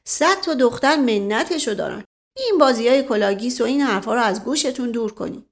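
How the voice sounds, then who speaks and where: A woman voicing a blunt, gruff old mother-in-law with a hoarse, rough voice, scolding sharply in an audiobook. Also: on the high side, animated. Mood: indignant. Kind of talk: audiobook character reading.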